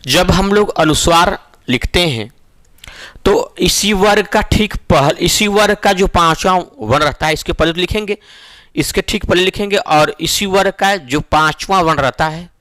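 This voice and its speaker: A man's voice: high voice, unhurried, a bit bright, no room sound. A man teaching a Hindi grammar lesson for exam preparation, explaining step by step and checking that students follow. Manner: explains step by step, often asks "ठीक है ना?".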